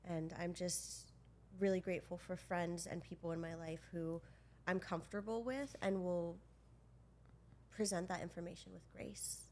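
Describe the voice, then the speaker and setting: A woman's voice: lowish voice, steady tone, normal speed, darkish tone, slight background noise. A woman in her thirties co-hosting a chat, talking in a gushing, enthusiastic way, full of "like". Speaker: podcast co-host. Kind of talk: casual interview chat.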